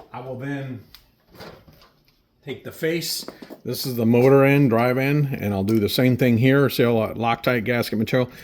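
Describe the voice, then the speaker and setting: A man's voice: mid-range voice, darkish tone. A folksy, plain-spoken man casually talking through a hands-on repair as a mechanic, with machine noise behind him. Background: air compressor and workshop tool noise.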